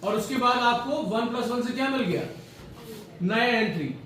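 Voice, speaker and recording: A man's voice: extremely high pitch, animated, moderate pace, a bit bright. A man teaching a programming class in a classroom, mixing Hindi with English and quizzing his students as he goes. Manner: mixes Hindi and English, asks students questions. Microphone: far from the mic. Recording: very echoey room, distant mic, faint ambience.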